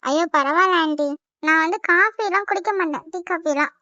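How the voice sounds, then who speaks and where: A woman's voice: extremely high pitch, fairly quick, pushed and bright, no echo, highs cut off. A woman voicing a sweet, polite young woman who is a guest in a cartoon, with a Tamil accent. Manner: polite and soothing.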